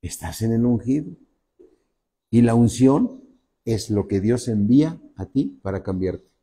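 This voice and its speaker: A pastor delivering a sermon in a husky, somewhat breathy voice. His tone is mellow and dark. He stretches out the phrases he stresses, rises to loud high peaks and drops to soft low asides. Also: lively intonation, a little slow.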